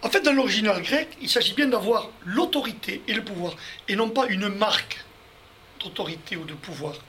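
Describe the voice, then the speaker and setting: His voice high, bright, and forceful, a male Bible teacher speaks expressively and briskly as he guides a group through the verses step by step, addressing them directly. A little hiss or hum is audible.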